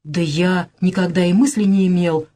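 A woman's voice: fairly low pitch, steady tone, normal speed, mellow, natural voice. A woman reading the part of an older, flustered father who speaks hesitantly.

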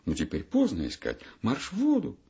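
A bossy young boy who scolds and grumbles, played by a male narrator in a raised voice with lively swings of pitch. The tone is gravelly, and the recording sounds muffled and lo-fi. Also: normal speed, heavily acted. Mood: scolding. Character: young boy Fifth Hour, bossy and grumpy. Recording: dull lo-fi audiobook recording.

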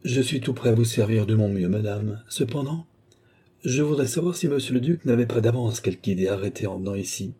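A man's voice: fairly low pitch, lively intonation, a little fast, warm tone, husky. A man reading aloud and voicing a suave, courtly sorcerer who speaks with sly assurance in an audiobook. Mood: assured.

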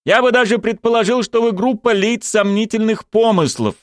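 A man's voice: high-pitched, normal speed, no room sound, studio quality, voice pushed up, natural voice. A man playing a wordy, officious police sergeant who speaks with pompous politeness.

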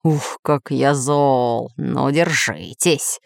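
A woman's voice: low voice, lively intonation, moderate pace, no room sound, clean studio sound. A woman voicing a scheming, bad-tempered villain lord who growls and gloats. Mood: angry.

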